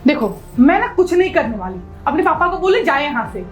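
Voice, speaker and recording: A woman acts out a resentful young wife with a very high voice, sharp and defiant as she complains. Soft music plays behind her. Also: very animated, fairly quick, muffled recording.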